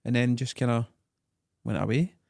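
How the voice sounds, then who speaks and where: A Scottish man co-hosting a podcast in casual comic banter, animated and freely swearing. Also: mid-range voice, moderate pace, creaky, no room sound, studio quality. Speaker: podcast co-host.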